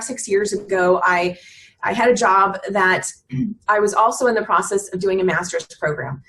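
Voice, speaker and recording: Through a low-quality recording with a little hiss or hum, a thirtysomething woman chats reflectively as a guest on a business podcast. Her voice is mid-range and a bit bright, and she talks earnestly, frequently starting sentences over and filling gaps with "you know."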